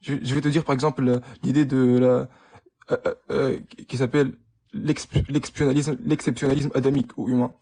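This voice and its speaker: A young man with a soft-edged, mellow voice argues in a casual live debate. His French is broken, with stammered repeats and frequent searching for the right word. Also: mid-range voice, flat delivery, brisk. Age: young adult. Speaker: debate participant, student.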